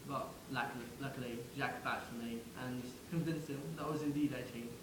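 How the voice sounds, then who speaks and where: A man's voice: mid-range voice, fairly even intonation, brisk, reverberant, background noise, close to an everyday voice. A man playing a wry young soldier's ghost. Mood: wistful. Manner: wry, conversational, addresses the listener directly. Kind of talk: theatrical monologue.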